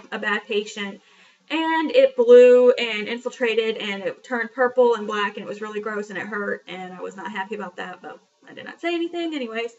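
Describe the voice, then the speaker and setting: A young woman telling a personal story in a casual vlog, chatty and frank, with lots of fillers. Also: fairly high pitch. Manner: chatty, frank and self-deprecating, with many fillers. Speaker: vlogger. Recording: dull lo-fi sound from a distance.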